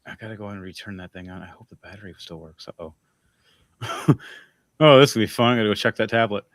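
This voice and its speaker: A man's voice: on the low side, fast, dry recording. A man hosting a podcast in casual chat, rambling and giving advice. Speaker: podcast host.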